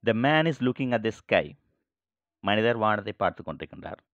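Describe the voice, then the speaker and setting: A man teaching English vocabulary, saying each phrase slowly and then repeating it in translation. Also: on the low side, animated, a bit bright, dry recording, dull audio. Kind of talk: bilingual vocabulary lesson.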